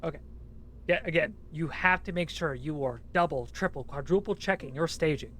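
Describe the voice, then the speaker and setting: A man's voice: on the high side, moderate pace, fairly bright tone, a little hiss or hum. A man streaming a game with a co-host, casually talking himself through each step and swearing now and then. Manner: narrates each step under his breath, easygoing and swearing.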